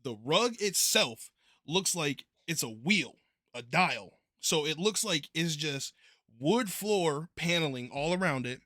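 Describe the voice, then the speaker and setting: A man's voice: on the high side, lively intonation, slow pace, pushed and bright, no room sound, studio quality. A young man telling a story in a casual, laid-back way, full of profane slang.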